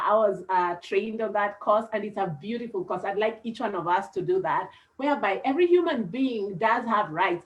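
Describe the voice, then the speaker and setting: A woman's voice: mid-range voice, poor audio. A woman psychologist with a Kenyan English accent, speaking earnestly on a panel. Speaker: psychologist and consultant. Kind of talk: panel talk.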